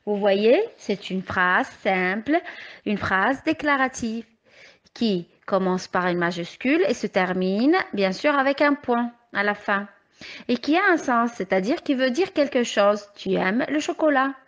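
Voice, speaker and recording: A young woman teacher explaining a grammar lesson to young children, patient and carefully articulated, with clearly rising questions. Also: medium pitch, expressive, a little slow, muffled recording. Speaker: primary school teacher.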